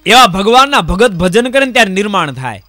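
A man's voice: high-pitched, brisk, faint music behind. A man, a monk preaching a folksy sermon, telling stories and repeating questions to the crowd. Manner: repeats rhetorical questions to the audience; lively storytelling, voices the people in his stories.

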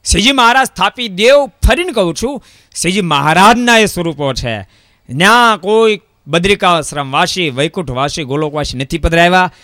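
A man giving a religious discourse, telling a parable in an animated way and repeating phrases for emphasis. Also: high-pitched, moderate pace, no echo, clean studio sound. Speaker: preacher.

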